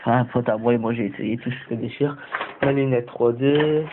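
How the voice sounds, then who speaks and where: A young Belgian man rambles through a casual vlog in a Belgian French accent, stopping often for fillers and restarts. The sound is thin and boxy, like a phone line, and a steady hiss runs under it. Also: mid-range voice, normal speed. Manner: rambling, hesitant, many fillers. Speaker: vlogger. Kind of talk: casual room-tour vlog. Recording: tinny lo-fi phone-like audio with hiss.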